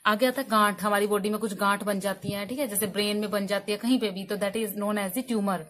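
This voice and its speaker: A woman's voice: medium pitch, steady tone, brisk, fairly bright tone. Woman teacher drilling English vocabulary. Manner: repeats each word as a drill question and answer. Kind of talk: spoken vocabulary lesson in Hindi and English.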